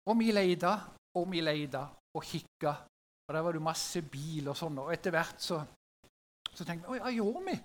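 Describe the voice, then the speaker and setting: A middle-aged man telling a story to a gathered audience in a conversational way, often turning to his listeners with little questions. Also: a little high.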